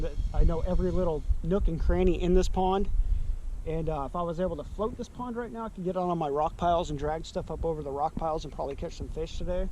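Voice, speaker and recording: A young man from California talks casually to the camera as he stands outdoors beside a pond, slightly winded, full of ums and uhs. His voice is mellow and sits a bit high for a man. Faint outdoor noise is audible behind him. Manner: loose and rambling, lots of fillers. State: a little out of breath. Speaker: fishing vlogger. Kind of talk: casual outdoor vlog talk.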